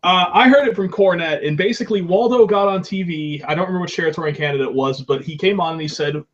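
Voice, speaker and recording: A man co-hosting an interview, telling a story in a relaxed way. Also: high voice, muffled recording. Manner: quick, relaxed anecdote telling. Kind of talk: casual interview chat.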